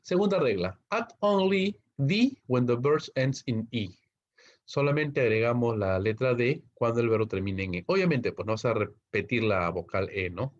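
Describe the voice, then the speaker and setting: A man's voice: medium pitch, lively intonation, normal speed, lo-fi sound. A man teaching an English grammar class, explaining step by step and checking in with the students after nearly every line. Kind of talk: online class lecture.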